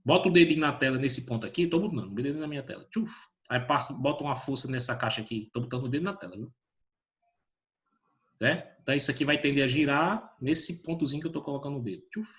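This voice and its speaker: A man's voice: medium pitch, quick pace. Man teaching physics online. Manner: lively, calls out students by name, asks questions and answers himself.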